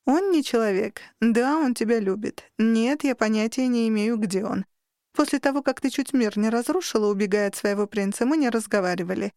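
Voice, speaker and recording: A woman voicing a sarcastic, sharp-tongued female monster with claws in an audiobook, mocking and tart. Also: fairly high pitch, lively intonation, normal speed, no room sound, clean studio sound, lightly acted. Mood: bored. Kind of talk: audiobook character reading.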